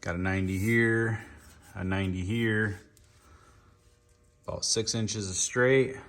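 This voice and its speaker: Speaking slowly in a lowish, somewhat bright voice with fairly even intonation, a man thinks aloud as he builds a car for his fabrication video. He keeps it informal and plainspoken. Ambient noise fills the handheld shop recording.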